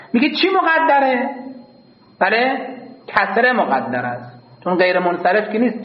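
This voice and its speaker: A man with a very high, lively voice gives a grammar lecture to a class, asking questions and answering them himself. He speaks in formal, courteous phrases and repeats his key points. The recording is dull and lo-fi, with a roomy echo. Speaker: teacher.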